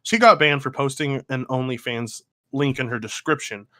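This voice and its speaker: A man's voice: mid-range voice, moderate pace, sharp tone. A man co-hosting a podcast in casual, sweary conversation. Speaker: podcast co-host.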